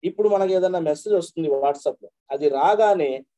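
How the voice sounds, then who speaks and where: A man preaching a sermon, chanting verses slowly and then explaining them in a quick conversational flow. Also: a little high, mellow. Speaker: Islamic preacher.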